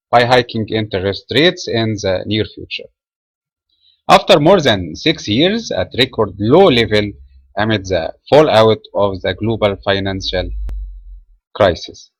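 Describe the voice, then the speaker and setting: A man's voice: lowish voice, slightly rough, no echo, poor audio. Egyptian-raised man reading market commentary. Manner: reads from a script, measured with filler pauses. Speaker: market commentator and trading trainer. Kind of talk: read market commentary webinar.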